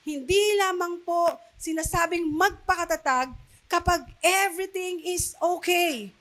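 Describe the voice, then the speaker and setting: A woman's voice: extremely high pitch, a bit bright. A woman pastor giving a conversational sermon, often checking in with her listeners as she goes. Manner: conversational preaching with frequent "no?" and "okay?" check-ins.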